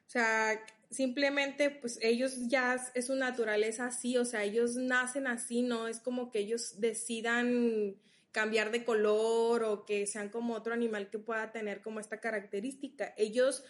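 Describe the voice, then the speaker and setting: A woman's voice: fairly high pitch, level tone, normal speed. A woman leading a Bible study. She reads verses aloud, explains them patiently and checks in with her listeners.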